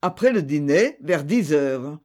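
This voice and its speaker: A young man under suspicion, voiced by a male reader, answers with proud, tense defensiveness. The pitch runs high and swings widely in this audiobook reading. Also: animated, a little slow, a little mellow. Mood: defensive.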